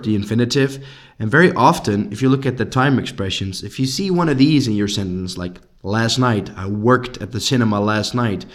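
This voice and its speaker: Patient Dutch-accented man teaching grammar. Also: medium pitch. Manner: patient, explains step by step with frequent fillers. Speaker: English teacher. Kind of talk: recorded grammar lesson for students.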